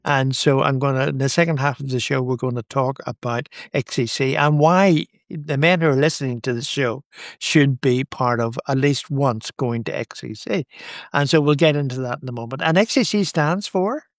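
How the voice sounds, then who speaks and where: A man's voice: mid-range voice, moderate pace, dry recording, clean studio sound. A man hosting a radio interview, prompting his guest and encouraging him along. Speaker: radio show host. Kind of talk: conversational interview.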